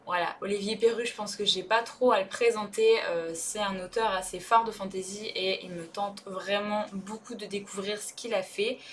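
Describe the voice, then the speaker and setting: A woman book vlogger talking casually about books she wants to read, hesitant and chatty with lots of fillers and restarts. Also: mid-range voice. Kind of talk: casual vlog chat.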